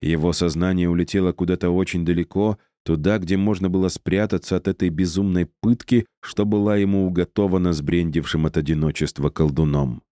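Male narrator for an audiobook: low, dark, dry close sound, measured pace of storytelling. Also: steady tone, dry recording.

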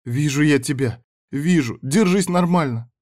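A man voicing a strict mother who scolds her daughter in a raised, sharp voice. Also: medium pitch, brisk, close to an everyday voice. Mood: scolding. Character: strict tall red-haired mother, scolding.

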